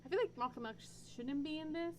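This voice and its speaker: A woman's voice: high voice, quick pace, darkish tone, a little hiss or hum, poor audio. A woman co-hosting a podcast in casual chat, dry and offhand, reading quiz questions aloud. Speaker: podcast co-host.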